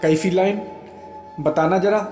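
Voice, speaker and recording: A man reading a loving young wife, quick to scold. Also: fairly high pitch, darkish tone, lightly acted. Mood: indignant. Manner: emotional, pleading then playfully scolding. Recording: roomy echo with faint music.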